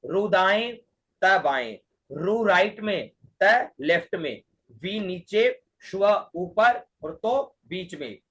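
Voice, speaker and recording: A man's voice: sits high, animated, slow, fairly bright tone, husky. An Indian man teaching Vedic mantra recitation, patiently repeating syllables and drilling the chant line by line.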